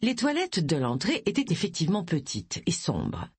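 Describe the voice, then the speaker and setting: A woman narrating a novel aloud in an expressive storytelling manner. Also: on the low side, normal speed, breathy edge, no echo. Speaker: audiobook narrator.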